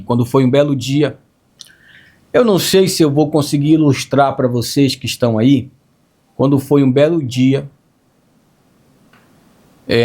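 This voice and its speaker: A man with a lasting hoarse, raspy voice, earnestly telling an emotional faith testimony and repeating phrases as he recalls it. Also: medium pitch, darkish tone. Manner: earnest, storytelling with repetitions. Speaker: testimony speaker.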